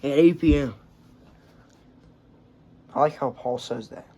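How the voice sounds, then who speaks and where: Speaking slowly in a mellow, medium-pitched voice, a hobbyist presents his radio collection in a casual vlog. His manner is rambling, offhand, and sweary, and he films on a phone in his hand.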